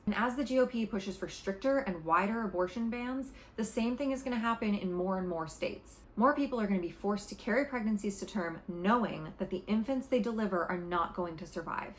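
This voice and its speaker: A woman's voice: medium pitch, fairly quick, hardly any pauses. A woman vlogger talking straight to her viewers, making an argument with emphatic repetition and passion. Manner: passionate, emphatic, repeats points for stress. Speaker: political commentary vlogger. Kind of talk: opinionated direct-to-camera commentary.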